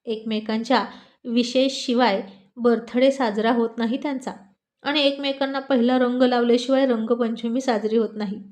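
A woman's voice: on the high side, fairly even intonation, normal speed, a little mellow, natural voice. A woman voicing a cheerful, teasing wife in her thirties in a spoken story. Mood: bubbly, teasing.

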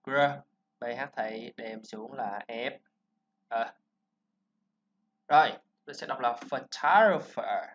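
A man teaching a pronunciation lesson, explaining sounds and repeating words slowly for learners to copy. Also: medium pitch, steady tone, a little hiss or hum. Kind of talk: classroom-style pronunciation lesson. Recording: slightly dull lo-fi recording.

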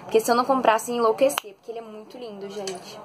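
Woman, bright high voice, bubbly animated storyteller, casual bedroom vlog. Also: fast talker, a crowd in the background. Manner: chatty and excitable, animated storytelling. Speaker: vlogger. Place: bedroom at home.

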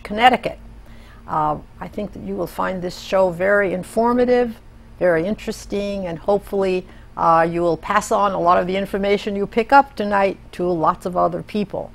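A woman's voice: mid-range voice, gravelly. An older woman hosting a studio interview, speaking in a polite, formal way on a lapel mic. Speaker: host.

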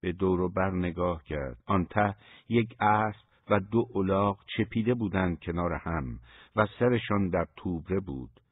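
Male audiobook reader, deep and husky, measured pacing, dry phone-like recording. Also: no room sound. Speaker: audiobook narrator. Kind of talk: scripted audiobook narration. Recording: dry, phone-like narrow sound.

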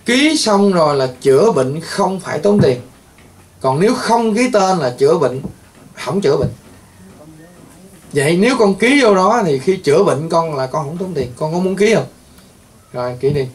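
High-voiced scolding priest. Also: male voice, lively intonation, normal speed, long pauses. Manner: scolding, rambling, exclaims often. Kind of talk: scolding talk to patients.

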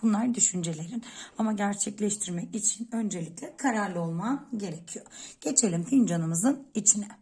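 A woman's voice: mid-range voice, moderate pace, warm tone, husky. A woman speaking as a coffee-cup fortune teller, giving unscripted predictions and advice directly to one listener in a searching way.

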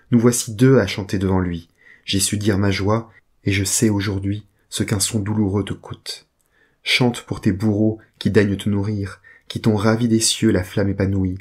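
A man giving a poetry reading, a steady recitation that also reads out titles and poem numbers. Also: low voice, slightly rough. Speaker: reader.

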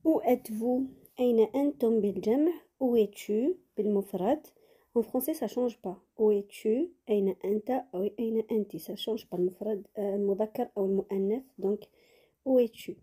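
A woman teaching French phrases in a lesson, saying model sentences slowly and repeating them, with quick explanations in between. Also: medium pitch, dark tone, slightly rough. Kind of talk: bilingual language lesson.

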